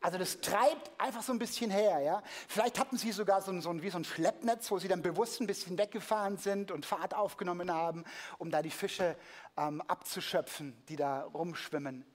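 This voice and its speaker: With a mid-range voice and a brisk pace, a preacher gives a lively sermon in church. The Bible story comes with jokes for the congregation and the scene acted out using a prop.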